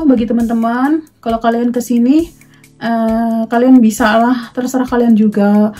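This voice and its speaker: A young woman from Indonesia chatting casually to her viewers as a vlogger, mixing in English words and pausing often on fillers. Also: on the high side, mellow. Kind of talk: casual talk to camera.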